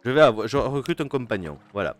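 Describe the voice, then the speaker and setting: A man's voice: medium pitch, big pitch swings, fast, faint music behind. A man streaming a game live, hesitant and full of fillers, chatting with his viewers and reading game text aloud. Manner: hesitant, many fillers and restarts, chats with viewers.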